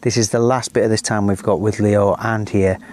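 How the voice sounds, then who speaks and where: A man's voice: lowish voice, a little fast, slight background noise. A middle-aged man co-hosting a podcast, telling stories in casual chat from outdoors in a garden. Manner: chatty storyteller, animated when ranting. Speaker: podcast co-host.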